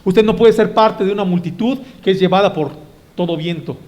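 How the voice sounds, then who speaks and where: A man preaches a Sunday sermon, his voice sitting high for a man. He talks with the congregation, tossing them questions to finish. He throws himself into acting out the shouting crowds. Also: brisk. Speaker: pastor.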